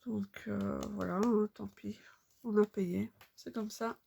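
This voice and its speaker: A woman in her thirties chatting casually while she stitches, unhurried and full of fillers. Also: mid-range voice, steady tone, creaky, mellow, husky. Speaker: cross-stitch vlogger.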